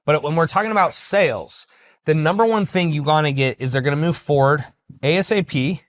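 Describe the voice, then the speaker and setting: A man's voice: on the high side, a little fast. A man teaching sales and business methods in a casual video, talking directly and persuasively and checking in with the listener. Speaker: business coach.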